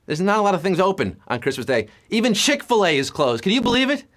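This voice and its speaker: A man hosting a live trivia game show, reading questions with playful, jokey patter and sudden jumps in pitch. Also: big pitch swings, quick pace, a bit bright.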